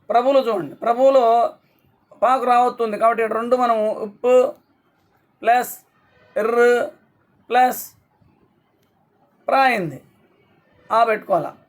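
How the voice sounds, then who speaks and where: High pitched guy teaching online, breaks words into sounds, keeps asking ok?. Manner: slow syllable-by-syllable explaining, frequent checks. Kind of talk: online class lesson.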